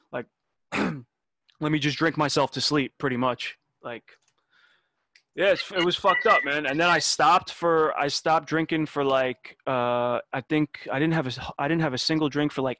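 With a mid-range, fairly bright voice on a dry recording, a podcast host in his twenties chats in a relaxed way. He cusses freely and often starts his sentences over.

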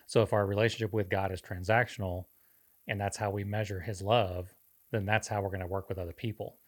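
A man's voice: lowish voice, level tone, fairly quick. A man co-hosting a podcast, explaining faith in an earnest, preacher-like way. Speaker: podcast co-host. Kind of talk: casual faith discussion.

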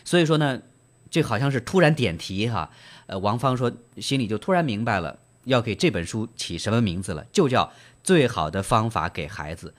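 In trained standard Mandarin of broadcast quality, a man hosts a book reading and discussion with a lowish voice, lively intonation and a slightly fast pace. Gently telling the story, he uses many fillers and keeps asking listeners rhetorical questions.

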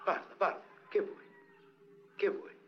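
A man's voice: measured pace, slight background noise, lightly acted. An actor playing a wily, sickly male crook who complains of his liver, cheeky and mock-polite, in a dubbed film comedy. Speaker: fugitive. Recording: lo-fi old film soundtrack.

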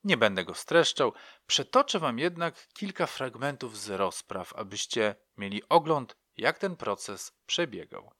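A man's voice: mid-range voice, big pitch swings, measured pace, few pauses, sharp tone, no echo, clean studio sound. A man narrating a true crime story in a dramatic manner, addressing listeners directly.

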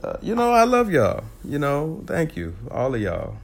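A man with a congested, rough voice hosting his own casual solo podcast, talking loosely, laughing often, swearing and repeating words as he goes. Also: fairly high pitch, huge pitch swings, normal speed. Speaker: podcast host.

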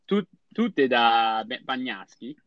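Brief: male panelist, medium pitch, casual football analysis, slightly muffled lo-fi recording. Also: animated, slow pace, a little hiss or hum. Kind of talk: casual sports analysis chat.

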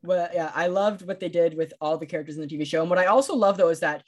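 A man as a podcast guest, talking films in passionate, rapid casual chat. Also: on the high side. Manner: passionate, rapid film analysis. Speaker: podcast guest, film critic.

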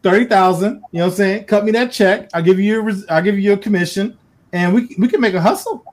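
A man co-hosting a casual chat, animated and laughing often, slipping into joking voices. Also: high-pitched, quick pace.

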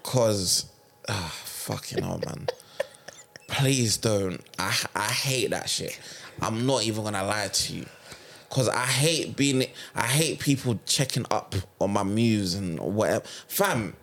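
A man's voice: fairly low pitch, lively intonation, slow, vocal fry. A young man with a London accent chatting casually in slang, repeating himself for emphasis. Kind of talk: casual chat.

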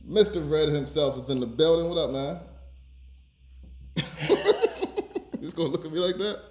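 A man hosting a podcast with loud, playful ribbing, announcing like a showman in casual banter. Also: fairly high pitch, fairly quick. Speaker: podcast host. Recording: roomy, echoey sound.

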